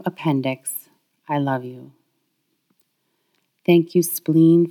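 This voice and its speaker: A woman reading a guided healing meditation, speaking slowly and softly in soothing affirmations. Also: sits low. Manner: slow, soft, soothing affirmations.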